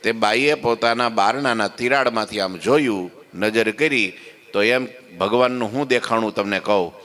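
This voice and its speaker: A man telling a devotional story in a sermon, animated, acting out the voices of the people in it. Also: on the low side, normal speed, big-room sound. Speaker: katha preacher.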